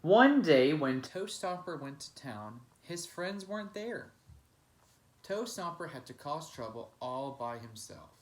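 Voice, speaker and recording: In an unhurried, very animated way, a man reads a children's picture book aloud as a teacher, delivering dramatic, emphatic narration. His voice sits at a fairly high pitch.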